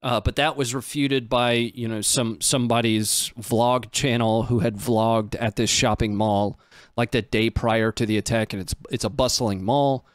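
Recorded dry in a small indoor studio, this thirties-aged stream host talks casually over footage into a close boom-arm desk mic. His pitch is medium, his tone steady, and he talks at a normal speed.

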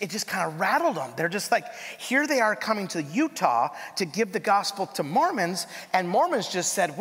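A man with a high voice, from Idaho, preaches to a congregation. He tells stories in a loose, conversational way and keeps asking the room rhetorical questions. His voice rings out with a long echo through the sanctuary. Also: a bit bright. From Idaho, USA. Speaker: missionary preacher. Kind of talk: storytelling sermon. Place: church sanctuary. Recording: long church reverb.

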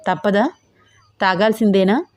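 Brief: woman doing a young male boss, brisk and teasing, curt replies, dry close sound, mid pitch. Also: no room sound, natural voice.

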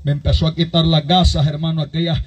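A man's voice: fairly high pitch, little pitch movement, fast talker, slightly rough, lo-fi sound. A man preaching a fervent sermon, with a strong voice and constant calls to his "brothers.". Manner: impassioned, repeatedly addressing listeners as brothers. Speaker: pastor.

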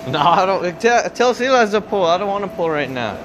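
A man's voice: sits high, sing-song, brisk, highs cut off. Joking young man filming in a warehouse. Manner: teasing, jokey, laughs often. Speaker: vlogger filming coworkers. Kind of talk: casual joking vlog chatter. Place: large warehouse floor, indoors. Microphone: handheld phone camera. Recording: noisy warehouse ambience.

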